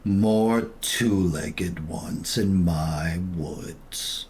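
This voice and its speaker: A man voicing a grumbling woodland creature like a talking tree, deep, slow and drawn-out in a tabletop game. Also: darkish tone, a little hiss or hum. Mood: weary, unwelcoming.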